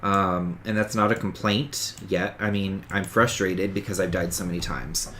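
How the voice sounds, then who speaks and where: Low and fairly bright, his voice stays fairly even at a normal speed, with a little hiss or hum on the recording. Congested and sniffly from a cold, the streamer chats his way through a survival game, rambling and self-correcting as he explains each step of his let's-play.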